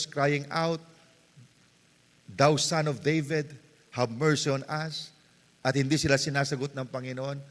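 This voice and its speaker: A man with a Filipino accent, preaching a sermon as pastor with passion and mixing Tagalog and English, moving from hushed passages to shouting. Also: on the high side. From Philippines. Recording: long reverb of a church hall.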